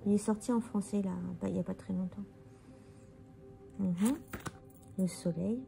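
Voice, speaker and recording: Over soft background music, a tired-sounding woman with a medium-pitched, gravelly, dark voice speaks at a normal pace. She's a tarot reader casually walking through a deck, musing aloud as she turns over and shows each card.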